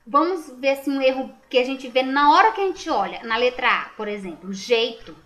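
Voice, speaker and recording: A woman's voice: sits high, lively intonation, a little fast, fairly bright tone. A Brazilian woman teacher patiently going over a school exam, asking and answering her own questions. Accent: Brazilian Portuguese. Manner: patient, checks answers aloud with rhetorical questions. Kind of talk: exam correction lesson.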